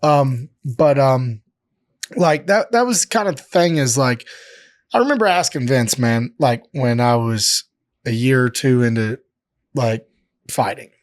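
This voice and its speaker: A man's voice: medium pitch, expressive, unhurried, no room sound, clean studio sound. A man, a professional fighter, telling stories as a podcast guest in a rambling, profane way, full of filler words. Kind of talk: casual podcast interview. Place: podcast studio.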